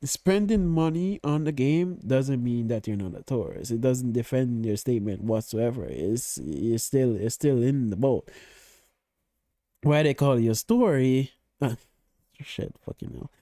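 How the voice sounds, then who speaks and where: A man with a soft-edged, mellow voice gives casual reaction commentary. He is opinionated and blunt, peppering his talk with profanity. The sound is dry, with hardly any room to it. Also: mid-range voice, expressive, measured pace, dry recording. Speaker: reaction video host.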